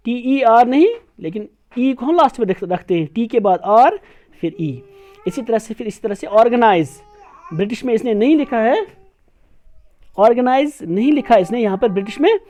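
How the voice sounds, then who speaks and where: A woman's voice: on the high side, mellow. A woman teaching an English lesson, patiently spelling out words letter by letter. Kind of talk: classroom lesson explaining spellings.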